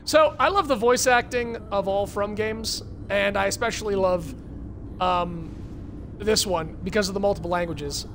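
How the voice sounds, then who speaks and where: A man commenting on a game as he streams it, chatty and joking and full of quick asides. His voice sits fairly high. A faint background noise runs under it. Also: a bit bright. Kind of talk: casual gameplay commentary.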